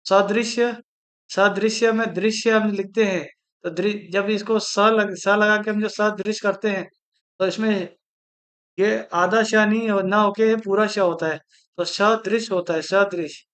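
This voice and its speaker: High-voiced man teaching Hindi spelling. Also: steady tone, a bit bright. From India. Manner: explains slowly, repeating each word. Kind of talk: exam-prep lesson.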